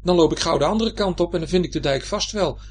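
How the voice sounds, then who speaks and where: A man's voice: fast talker, a little hiss or hum, natural voice. A man voicing a small boy lost in fog on the mudflats, anxious and grumbling. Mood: worried. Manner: anxious, grumbling, turns shrill and cross.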